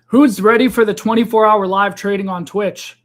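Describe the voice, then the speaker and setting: Male streamer, high-pitched, relaxed and chatty, talking through his trades for viewers. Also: moderate pace. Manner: chatty, loose, addresses viewers as guys and fam. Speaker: crypto livestream host. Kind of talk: casual live trading stream chat.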